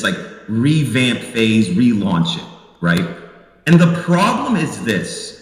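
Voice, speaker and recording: A man's voice: mid-range voice, fairly bright tone. A young man giving casual, slangy commentary and explaining things by acting out examples. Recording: very echoey, reverberant room.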